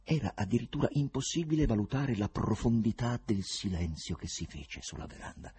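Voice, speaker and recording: A man reading a novel aloud as an audiobook, with a husky voice and expressive delivery. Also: mid-range voice, brisk. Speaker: reader. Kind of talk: audiobook narration.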